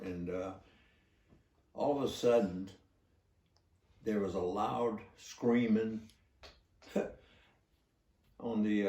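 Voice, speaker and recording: An older man, a former police officer, telling a story in a halting, plainspoken way. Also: lowish voice, mellow. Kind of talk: casual spoken storytelling. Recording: roomy echo, distant from the mic.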